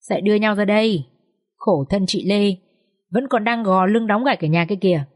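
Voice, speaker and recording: A woman voicing a stern older village man who scolds bluntly and briskly, in a breathy voice. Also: mid-range voice, lightly acted. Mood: mocking.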